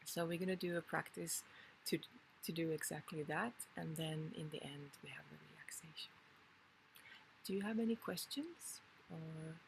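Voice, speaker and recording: A woman from Finland, a Kundalini yoga teacher talking a class through a calm, unhurried introduction and often pausing to find her words. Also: sits low, vocal fry, slight background noise, low-quality recording.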